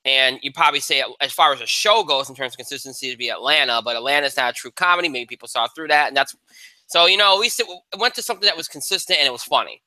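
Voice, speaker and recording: A man's voice: mid-range voice, animated, rapid-fire, bright, forceful tone, no room sound, low-quality recording. A man hosting a casual talk show, analyzing award winners in a rambling way with many restarts. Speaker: podcast host. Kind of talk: casual chat.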